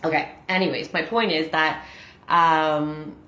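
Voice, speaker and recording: A woman's voice: deep voice, fairly even intonation, unhurried, bright, forceful tone. A woman in her forties hosting a casual video, reading a daily meditation aloud and chatting about her own experience with laughs and fillers. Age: 40s. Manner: chatty and self-disclosing, with laughs and frequent fillers. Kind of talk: casual reading with personal reflection. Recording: echoey room.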